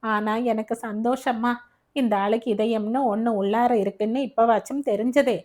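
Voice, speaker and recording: A rough, chatty working-class wife, voiced by a woman narrator, speaking frankly and bluntly. The voice sits fairly high and close to the reader's own. This is storybook narration. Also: fairly even intonation, normal speed, a little mellow, natural voice.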